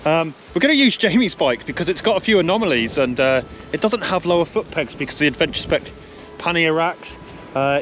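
A man's voice: on the high side, a bit bright. A man, chatting casually to camera in a blokey, colloquial way as a vlog host. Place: garage, fast-food restaurant and outdoor trail. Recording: music behind the voice.

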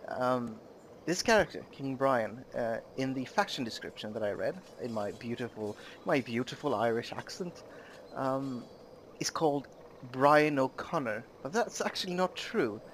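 A man hosting a let's play, giving casual, halting commentary on a strategy game with many pauses. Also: mid-range voice, animated, a bit bright, slight background noise. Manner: halting, many ums and uhs.

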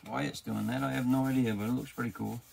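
Gravelly man chatting to camera. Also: mid-range voice, fairly even intonation, fast talker, a little mellow. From Newfoundland, Canada. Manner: chatty, joking, talks straight to the viewer. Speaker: DIY motorcycle vlogger. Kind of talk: casual how-to narration to camera.

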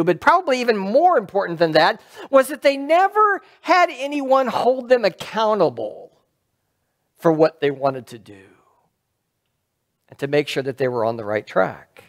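Middle-aged man preaching with lively pitch. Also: moderate pace. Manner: conversational, asks the congregation questions. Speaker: pastor. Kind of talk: sermon. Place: church sanctuary, at a lectern.

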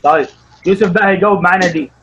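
An Egyptian-accented Arabic teacher at primary level leads an online class for young pupils. He quizzes each child by name, offers encouragement, and slows his reading to stretch words out. His voice is high-pitched with a fairly bright tone.

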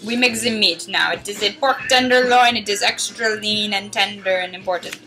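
At medium pitch and a moderate pace, the vlogger runs her mock cooking show from a home kitchen, giving ridiculous instructions with put-on formality. The recording is rough, and loud rap music plays behind her in the home video.

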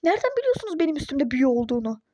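A sarcastic, fed-up young mother in a phone-game role-play story, voiced by a woman. She talks high but with a mellow, dark tone, and snaps back with exasperation. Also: sing-song, very fast. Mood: exasperated. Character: irritable young pregnant mother, fed up, skeptical.

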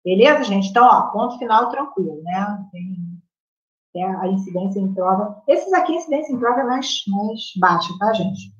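Speaking at normal speed with a medium-pitched, expressive voice, this woman teaches a live grammar class in a Brazilian Portuguese accent. Her manner is chatty, and she keeps checking in with the class by asking "right?" over and over. The recording has a roomy, slightly muffled sound.

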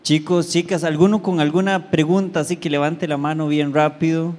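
A man, hosting a church youth meeting and asking guests questions in a warm, encouraging way. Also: fairly high pitch, little pitch movement, normal speed. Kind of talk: interviewing guests. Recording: long hall reverb.

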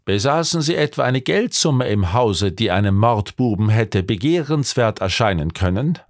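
Man playing a commanding detective, brisk, animated, dry studio audiobook. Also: on the low side, no echo. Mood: probing. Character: sharp, energetic male detective.

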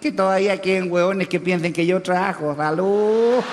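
A man playing a crude, rowdy rural Chilean huaso in a stand-up character monologue, speaking with a Chilean accent, full of coarse slang and shouted punchlines. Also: high voice, steady tone, moderate pace, a loud crowd, very noisy, lightly acted. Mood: boastful. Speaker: comedian in character. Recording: live stage with long reverb.

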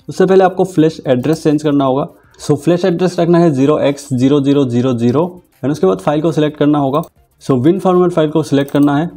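A man with a voice on the high side hosts a screen-recorded tech tutorial. He calmly explains each step, mixing in English technical terms.

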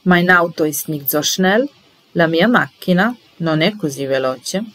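Woman teaching phrases real slow, low-ish voice, careful and patient. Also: a bit bright, rough recording. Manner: patient, measured, enunciating each phrase slowly. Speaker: language teacher. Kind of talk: slow bilingual lesson, repeating phrases.

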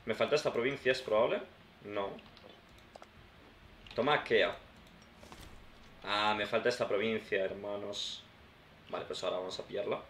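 A man's voice: lowish voice, moderate pace, pauses often, fairly bright tone. A man from giving casual let's-play commentary, thinking aloud and talking to his viewers like friends. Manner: chatty, thinks aloud, addresses viewers as "tío" and "hermanos". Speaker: gaming YouTuber. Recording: roomy sound with faint background noise.

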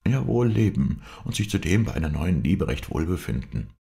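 A man's voice: low voice, very animated, normal speed, creaky, warm tone, pitched above the performer's own voice, exaggerated voice. Man voicing a tactful lady visitor. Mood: soothing.

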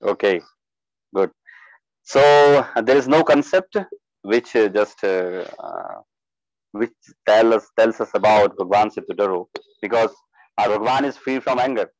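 A man leading a religious study class, talking in a halting way with many fillers and putting questions to the group. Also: fairly low pitch, darkish tone, no echo, poor audio.

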